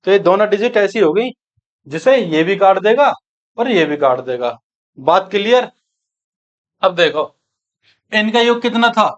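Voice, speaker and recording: Animated yet unhurried, a high-voiced maths teacher preps his class for exams, leaving long pauses as he reasons through calculations aloud. He quizzes the room, answers his own questions, and calls everyone friends and brothers. The recording is dull and muffled.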